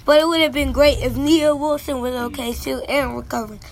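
A woman's voice: high voice, steady tone, a little fast, faint music behind, rough recording. A young woman from Miami hosting a casual talk show, telling stories in a rambling way. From Miami, Florida. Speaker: host.

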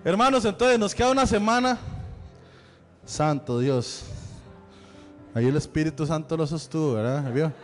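Male pastor, Central American Spanish accent, high voice, chatty announcements, church reverb with soft music behind. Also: lively intonation, moderate pace, pauses often. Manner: chatty, joking with the congregation. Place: church sanctuary. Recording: long hall reverb with faint music.

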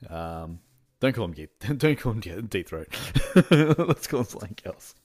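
A man's voice: on the low side, sing-song, moderate pace, a little mellow. A man hosting a podcast, recapping an episode in casual chat, rambling with lots of fillers and restarts and laughing often. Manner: acts out characters' lines when retelling. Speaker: podcast host.

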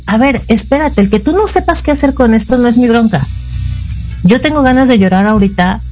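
A woman's voice: on the high side, brisk, a little mellow, faint music behind. A middle-aged woman with a Mexican accent, a psychologist co-hosting a casual talk show and explaining with frequent "ajá" fillers. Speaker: psychologist co-host.

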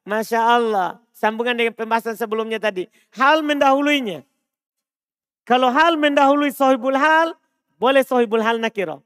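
Male religious teacher, high voice, dry close sound, drills students on Arabic grammar. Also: normal speed, a bit bright, smooth, dry recording. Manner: quizzing students with repeated questions; mixes Arabic terms with Indonesian explanation. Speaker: Islamic studies teacher. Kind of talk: classroom lesson on Arabic grammar.

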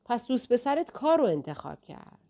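Woman voices a blunt, teasing woman, high and forceful. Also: big pitch swings. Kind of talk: audiobook dialogue.

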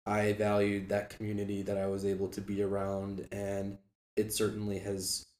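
A man in his early twenties, a former student club officer, chats casually as an interview guest. His fairly low voice holds a very even pitch at a moderate pace, recorded in an echoey room with faint background noise.

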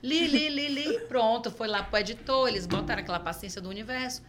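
A middle-aged woman with a Brazilian Portuguese accent, a podcast guest who tells stories in a lively way and acts out the dialogue. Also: on the high side, brisk, slight background noise. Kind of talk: conversational storytelling.

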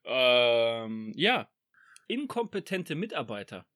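A man, co-hosting a casual podcast with deadpan, teasing humor. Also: mid-range voice, slow. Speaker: podcast co-host.

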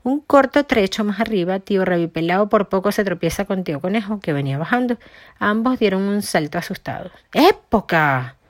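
A woman telling an animal folk tale, reading in a measured, expressive way. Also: mid-range voice, no echo. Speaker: storyteller. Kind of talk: scripted narration of a folk tale.

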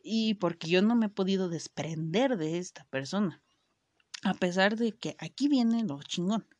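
Unhurried yet animated, a young Mexican-accented vlogger with a medium-pitched, slightly mellow voice relates a personal story to her audience. Her talk is casual and slangy, full of fillers and swearing, with frequent self-interrupting restarts, and there's no echo.

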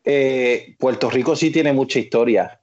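Earnest co-host from New Jersey. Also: male voice, medium pitch, a little slow, darkish tone. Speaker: podcast co-host. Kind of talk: casual podcast chat. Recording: dull lo-fi podcast audio.

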